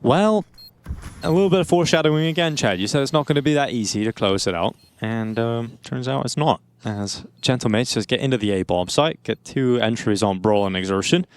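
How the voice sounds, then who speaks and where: A man calling live esports play-by-play on a headset mic, quick and excitable, rising on the big plays. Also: mid-range voice. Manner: fast, excitable calls that rise on big plays. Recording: game sound effects behind the voice. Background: game gunfire and effects.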